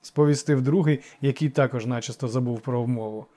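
A man narrating an audiobook with lively storytelling. His tone is dark and mellow, at a middle pitch. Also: a little fast.

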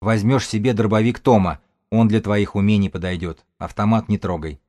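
A man's voice: lowish voice, steady tone, normal speed, darkish tone, natural voice. A man reading the part of a fierce, hardened young woman survivor, harsh and commanding, in an audiobook.

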